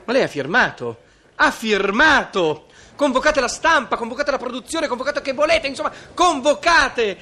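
An actor playing a fawning, excitable film producer in a comedy sketch, flattering and exclamatory. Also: male voice, high voice, moderate pace, heavily acted. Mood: excited. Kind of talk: radio comedy sketch acting.

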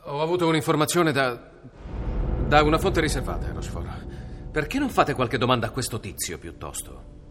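An actor playing a steady, earnest male detective. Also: mid-range voice, moderate pace, background noise, natural voice. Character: calm determined male detective. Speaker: detective Dylan.

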